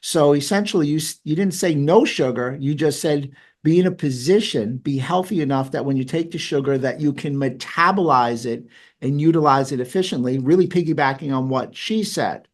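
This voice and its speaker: A man's voice: on the high side, normal speed. A man with a New York accent hosting an interview, chatty and jokey with enthusiastic asides. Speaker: podcast host. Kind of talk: casual interview.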